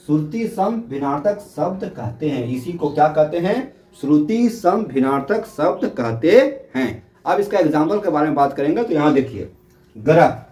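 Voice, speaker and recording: A man's voice: a little high, dark tone, echoey room, far from the mic. Repetitive man teaching from across a room. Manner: explains by repeating words and asking rhetorical questions. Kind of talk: classroom-style lesson.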